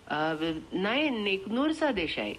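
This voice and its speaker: A woman's voice: mid-range voice, sing-song, slow pace, a little hiss or hum. A woman reading aloud voices a nervous poor village man who stammers and hesitates as he sells his buffalo. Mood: timid.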